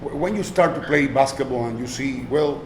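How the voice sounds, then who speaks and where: A man with a Puerto Rican accent hosting a sports interview show, reading sponsor plugs with punchy emphasis and asking questions in halting English. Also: medium pitch. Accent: Puerto Rican Spanish. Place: restaurant. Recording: roomy echo with faint background noise.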